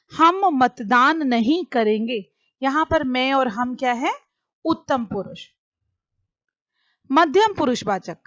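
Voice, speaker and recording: A woman with a high voice explains a grammar lesson at an unhurried pace, dwelling on each example. The recording is dry and somewhat dull and lo-fi. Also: fairly bright tone, dry recording. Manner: slow, deliberate explaining with examples. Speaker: teacher.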